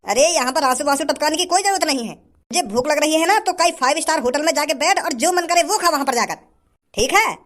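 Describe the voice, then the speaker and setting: A brash young rich guy in a cartoon comedy, as a woman puts him on, bossy and showy, lecturing everyone and boasting. The voice is very high with a cocky, commanding push behind it. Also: lively intonation, a little fast, fairly bright tone. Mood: boastful.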